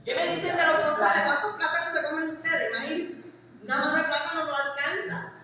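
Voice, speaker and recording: A woman pastor with a high voice preaches with fervor, mixing emphatic scripture with chatty asides to the people in front of her. Her voice rings through a big, echoing church hall, and the mic sits some way off, with a faint hiss underneath. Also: fairly even intonation, a little fast, pushed and bright, distant mic. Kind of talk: sermon.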